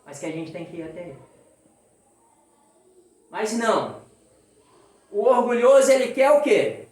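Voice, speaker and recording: A woman's voice: mid-range voice, very animated, a little slow, darkish tone, recorded from a distance. Brazilian woman preaching in an echoey hall. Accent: Brazilian Portuguese. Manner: rhetorical questions to the audience. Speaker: spiritist lecturer. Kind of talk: spiritist sermon. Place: spiritist center hall.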